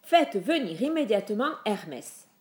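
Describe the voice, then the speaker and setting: A woman's voice: mid-range voice, very animated, unhurried, a little mellow, reverberant. A woman voicing a worried, commanding male king of the gods in a storybook.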